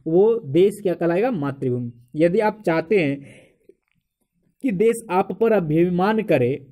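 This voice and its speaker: A man's voice: a little high, warm tone. A man teaching a school poetry lesson, asking questions and answering them himself, calling the viewers his friends. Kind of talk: explaining a school poem lesson.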